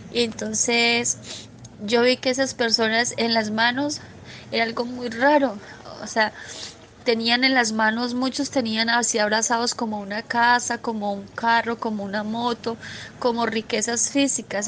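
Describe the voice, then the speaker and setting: Earnest woman recounting a vision, halting. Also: a little high, steady tone, a bit bright, slight background noise. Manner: earnest, halting, with frequent restarts. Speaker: believer sharing a vision testimony. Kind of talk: spoken testimony of a religious vision.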